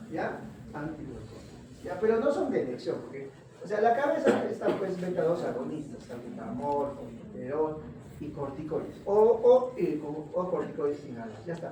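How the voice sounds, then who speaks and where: Male lecturer, slightly high voice, heard from afar in a noisy room, quizzes students. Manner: quizzing students with quick questions. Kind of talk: classroom lecture. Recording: echoey room, far from mic, noisy.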